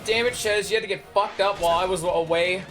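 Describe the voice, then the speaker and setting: A man's voice: sits high, steady tone, fast, music in the background. A man giving casual, rambling, sweary commentary while he plays a video game. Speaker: gameplay commentator.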